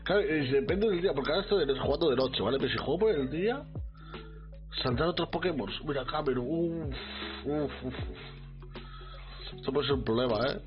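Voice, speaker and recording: A man with a Spain Spanish accent giving excitable live commentary on his gameplay, talking to his chat. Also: a little high, fast, dull audio, over music. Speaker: streamer.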